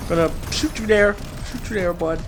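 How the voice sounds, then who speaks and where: A man's voice: high voice, normal speed. A man giving casual, rambling let's play commentary in informal, sweary language. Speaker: gamer commentating a playthrough. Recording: voice-over with game music and gunfire. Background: game music and gunfire.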